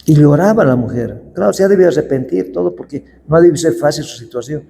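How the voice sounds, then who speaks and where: Male pastor, warm low-bright tone, unhurried sermon reading, long reverb of a church hall. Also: animated, gravelly, slight background noise. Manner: slow, deliberate scripture reading.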